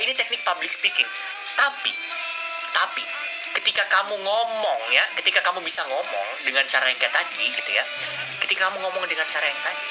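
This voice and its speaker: A man hosting a casual live stream, coaching viewers on public speaking and mixing English phrases into his talk. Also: high voice. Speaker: livestream host. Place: indoors at a desk with a laptop.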